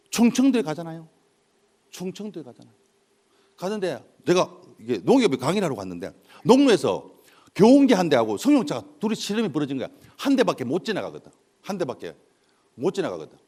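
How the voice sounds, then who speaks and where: High, lively man giving a comic talk. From South Korea. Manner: animated storytelling, acting out dialogue in dialect and character voices. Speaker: motivational humor lecturer. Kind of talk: comic lecture to a live audience.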